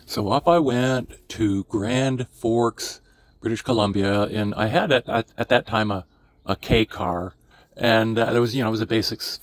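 Older male storyteller, deep-voiced, loose and rambling delivery. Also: dry recording. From California. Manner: rambling, many fillers and restarts. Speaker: memoir vlogger. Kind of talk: casual personal storytelling.

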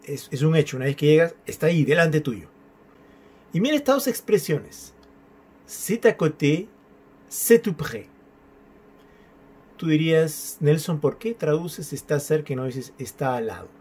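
Husky man teaching French, slow drills. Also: a little high, lively intonation, a little mellow. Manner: slow, exaggerated modeling of French phrases. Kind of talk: beginner language lesson.

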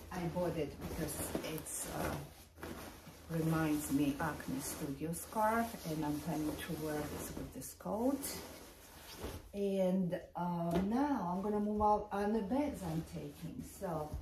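A fashion vlogger with a low-pitched female voice chats casually and slowly while showing items in a large carpeted bedroom. The camera sits a few feet away, so the audio has a roomy echo, a distant sound and light noise.

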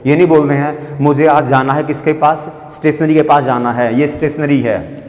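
Man teaching vocabulary, spells words out, fairly high voice, roomy classroom with long reverb. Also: steady tone, moderate pace, a little mellow. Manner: explains each word and spells it out letter by letter, checks "clear?". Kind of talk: exam-prep vocabulary lesson.

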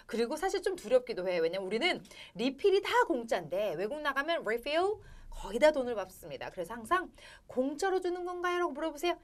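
A woman's voice: on the high side, very animated, fast. A woman hosting a television English lesson, playful and laughing often as she keeps speaking straight to the viewers. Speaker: English teacher and host.

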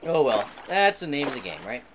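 Chatty man with a lively voice. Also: medium pitch, fairly quick, noisy background. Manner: chatty, rambling, easily excited. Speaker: gaming channel host. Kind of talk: casual let's-play commentary.

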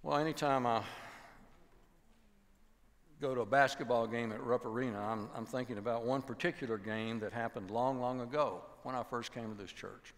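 Older pastor with a gravelly voice. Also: male voice, medium pitch, normal speed. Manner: animated storytelling, acting out voices in quotes, dropping to a hushed voice. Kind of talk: sermon with storytelling. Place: large church sanctuary with choir behind. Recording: long hall reverb.

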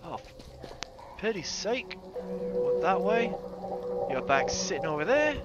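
High, lively man streaming a game. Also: slow, lo-fi sound, heavy background noise. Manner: animated, joking, sings and mimics lines. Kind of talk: live gameplay commentary. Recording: game music under the voice. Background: game music.

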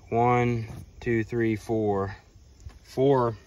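A young man hosting a casual shooting range vlog outdoors in a grassy field, laid-back, counting pellets out loud. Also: medium pitch, fairly even intonation, drawn-out words, dull audio. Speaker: outdoors channel host. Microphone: camera mic a few feet away. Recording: distant outdoor camera mic, faint insects.

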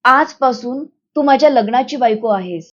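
A woman's voice: high voice, animated, normal speed, a bit bright, dull audio. A firm, protective village man, as a woman reads him. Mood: firm, tender. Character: strong-willed grown village man, bold and protective.

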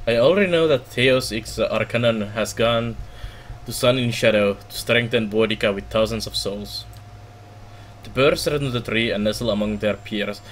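A middle-aged man reads video game text aloud in a halting, casual way as a let's player. His voice is a little low, and there is faint noise behind it. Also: poor audio.

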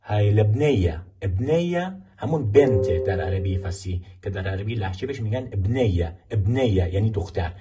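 A man teaching a language lesson, explaining film clips and slowly repeating phrases for learners to practice. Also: fairly low pitch, expressive, mellow.

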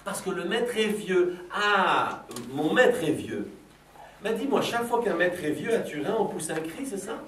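A middle-aged man with a high, animated voice that is a little slow and a bit bright leads a philosophy workshop for children. He puts playful, probing, teasing Socratic questions to the class in a school classroom. The recording sounds roomy and distant, with faint background noise.

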